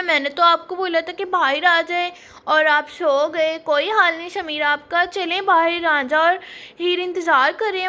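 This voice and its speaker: A woman's voice: very high-pitched, sharp tone, heavily acted. A woman voicing a chatty, fussing young woman doll who acts like a big sister.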